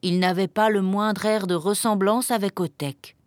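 A woman reading a children's picture book aloud in a gentle, expressive storytelling manner. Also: medium pitch, moderate pace, no room sound, studio quality.

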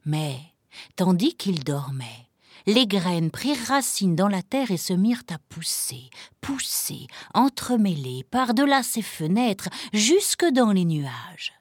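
A woman reading a fairy tale aloud with an expressive storytelling manner. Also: mid-range voice, takes it slowly, no room sound, clean studio sound.

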